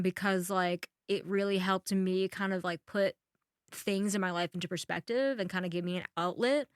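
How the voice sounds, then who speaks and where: A young woman comedian from New York telling stories in casual podcast chat, animated, swearing freely and saying "like" a lot. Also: medium pitch, clean tone, no echo, studio quality. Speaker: comedian guest.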